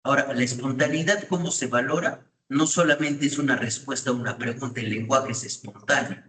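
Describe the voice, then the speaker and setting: A male lecturer teaching a class, pausing often to ask his students whether they follow. His voice sits at an ordinary pitch. It rings in an echoey room and is picked up from some distance away. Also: bright, forceful tone. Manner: asks frequent checking questions to students. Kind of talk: university lecture on psychopathology.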